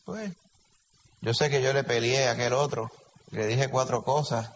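A man preaching a sermon with a Puerto Rican Spanish accent, animated and full of rhetorical questions. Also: medium pitch, moderate pace, slight background noise. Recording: lo-fi recording with long hall reverb.

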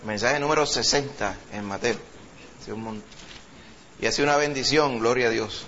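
Bright-voiced Puerto Rican pastor preaching. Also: male voice, mid-range voice, muffled recording, slight background noise. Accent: Puerto Rican Spanish. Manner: fervent, reads scripture slowly with rising emphasis; pleading prayer with repeated "Señor" and "Padre". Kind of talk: sermon with scripture reading and prayer.

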